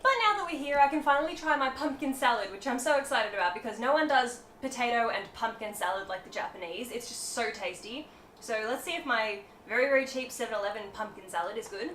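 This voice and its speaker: A woman's voice: a little high, fast, roomy sound, a little hiss or hum. A young woman chatting casually as she tastes and rates cheap convenience store food in a hotel room. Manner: chatty and animated, tasting and commenting on food. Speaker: food vlogger.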